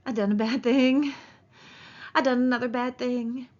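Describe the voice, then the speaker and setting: A woman's voice: a little high, a little slow, a bit bright, dull audio. A woman voicing a big, simple-minded man in an audiobook, childlike and fearful of trouble, with rustic, ungrammatical speech. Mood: anxious, bewildered. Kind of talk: audiobook character voice.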